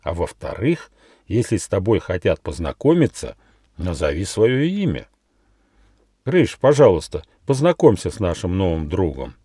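A man's voice: sits low, big pitch swings, moderate pace, mellow, slightly rough, no echo, clean studio sound, full character voice. A man voicing a kind but fussy little male gnome who lectures about good manners. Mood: cheerful, lecturing. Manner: orderly, lecturing.

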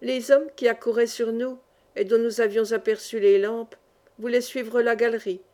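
A woman reading a classic novel aloud as an audiobook. Her delivery is expressive and dramatic. Her voice sits fairly high. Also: moderate pace. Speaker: audiobook narrator. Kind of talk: scripted narration of a classic novel.

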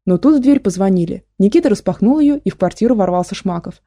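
A woman narrating an audiobook in a steady storytelling manner. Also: medium pitch, fast, no room sound. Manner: steady storytelling, voices characters.

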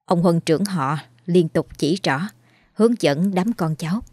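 A woman narrating a horror story in a steady, even storytelling voice. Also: lowish voice, measured pace, dry recording, clean studio sound. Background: faint music.

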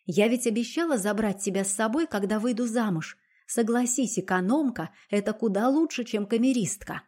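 A woman voicing a naive, childish young noblewoman in love, speaking in a higher, gushing, insistent way. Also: lively intonation, a little fast, dark tone. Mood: soothing, insistent.

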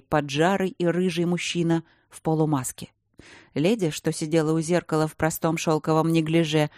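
Female narrator, very low voice, dry close recording, measured audiobook read. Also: mellow, no room sound. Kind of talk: scripted narration.

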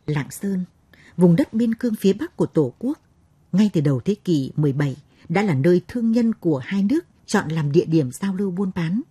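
Woman audiobook narrator, dark, husky voice, dry close mic. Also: on the low side, lively intonation, brisk, no room sound. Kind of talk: scripted narration of a novel.

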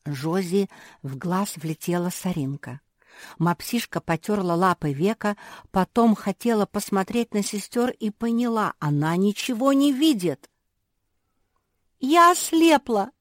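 A woman reading a children's story aloud as a first-person narrator, in an animated way. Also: medium pitch, unhurried, no room sound, studio quality.

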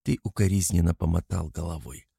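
A man narrating a dramatic story in a steady, measured way. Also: low-pitched, creaky, slightly rough, dry recording, clean studio sound. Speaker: audiobook narrator.

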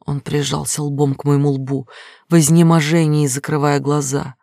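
A man's voice: on the high side, little pitch movement, moderate pace, gravelly, darkish tone, no room sound, clean studio sound. A man narrating an audiobook in an emotional, intense reading style. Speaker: audiobook reader.

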